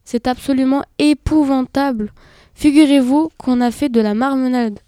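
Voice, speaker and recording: A woman's voice: sits high, fairly even intonation, moderate pace, dark tone, clean tone, no room sound, studio quality, lightly acted. A woman voicing a gossipy, dramatic female golden apple, telling her tale with indignant alarm in an amateur web radio reading. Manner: indignant, breathless storytelling.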